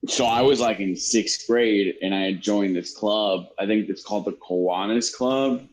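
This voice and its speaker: A man's voice: on the low side, moderate pace, slight background noise, low-quality recording. A man telling a childhood story in casual, profane podcast chat. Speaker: podcast guest.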